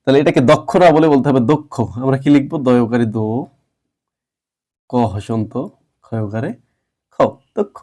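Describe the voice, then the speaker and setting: A man teaching a grammar lesson, explaining rules patiently step by step and repeating words slowly. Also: mid-range voice, mellow.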